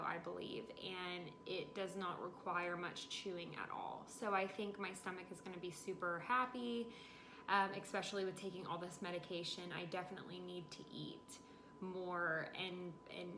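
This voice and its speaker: Woman in her twenties, casual vlog chat, explanatory, slightly tired, roomy kitchen sound, noticeable background noise. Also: lowish voice. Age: 20s. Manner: explanatory, step-by-step. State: tired, recovering from wisdom teeth surgery. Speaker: vlogger. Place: home kitchen, indoors. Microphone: camera or phone a short distance away.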